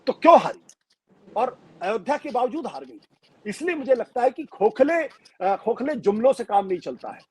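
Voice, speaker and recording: Husky man giving political analysis. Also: very high voice, sing-song. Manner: measured, emphatic, frequent fillers and restarts. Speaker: political commentator.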